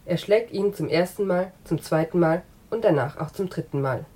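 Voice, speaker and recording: A woman narrating an absurdist short story in an even, matter-of-fact reading. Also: on the low side, moderate pace, husky.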